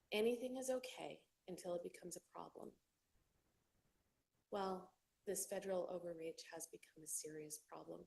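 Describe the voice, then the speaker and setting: A middle-aged woman, a school board member, giving a measured, earnest public comment at a council meeting. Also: medium pitch, darkish tone. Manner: earnest, measured, with some fillers. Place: council chamber.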